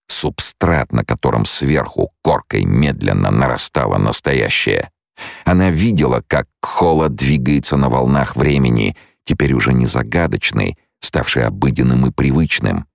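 Very deep, gravelly audiobook narrator man. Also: no echo, clean studio sound.

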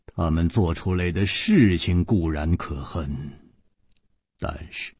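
Male storyteller, husky, slow, wildly varied pitch, dry close mic. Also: dark tone, no echo. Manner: slow, wide-ranging dramatic delivery. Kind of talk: storytelling narration of a martial-arts novel.

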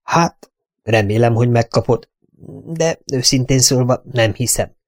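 A man's voice: mid-range voice, no room sound, studio quality, natural voice. A male audiobook narrator voicing a cynical young man who talks bluntly and mockingly.

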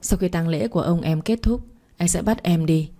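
A woman voicing a cold, possessive young male doctor who talks in short, calm lines. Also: lowish voice, normal speed. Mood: cold, curt.

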